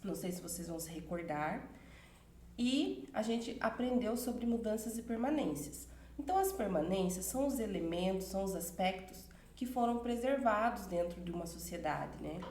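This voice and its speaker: A woman's voice: medium pitch, lively intonation, normal speed, darkish tone, echoey room. A woman from Brazil teaching a recorded class for children, greeting them in a friendly, reassuring way and reviewing the material. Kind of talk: recorded remote class introduction.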